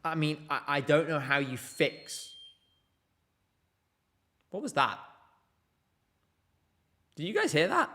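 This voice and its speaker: A man's voice: fairly high pitch, big pitch swings, slow, long pauses, bright, forceful tone. Chatty man hosting a live stream. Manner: chatty, reads out viewer messages, laughs often. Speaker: livestream host. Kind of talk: casual live stream commentary. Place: home.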